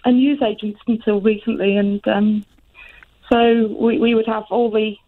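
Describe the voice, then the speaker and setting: A woman calling a radio phone-in, giving a personal account in a halting, hesitant way with frequent restarts. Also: fairly high pitch, fairly even intonation. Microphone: telephone. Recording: muffled narrowband phone line.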